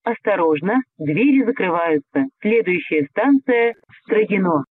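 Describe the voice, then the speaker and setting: A man making formal, measured metro announcements over the train intercom. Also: high-pitched, animated. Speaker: transit announcer. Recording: tinny lo-fi train loudspeaker.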